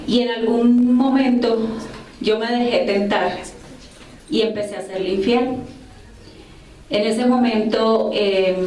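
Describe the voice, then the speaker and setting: A woman speaking earnestly to a church group, sharing a personal testimony with pauses and restarts. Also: mid-range voice, a little mellow. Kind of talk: religious talk with personal testimony. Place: church group meeting room. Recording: echoey room, mic far off.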